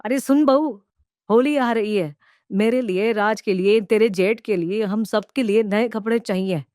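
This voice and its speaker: A woman's voice: medium pitch, a little slow, a little mellow, no room sound, studio quality, close to an everyday voice. A woman voicing a greedy, scheming middle-aged mother-in-law in a cartoon, bossy and nagging. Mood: demanding. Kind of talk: cartoon voice acting.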